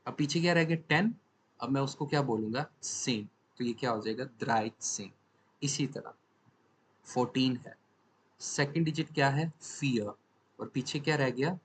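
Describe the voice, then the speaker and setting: A man's voice: medium pitch, normal speed, slight background noise, rough recording. A man teaching a language lesson from slides. He asks a question, then answers it, and repeats each word twice.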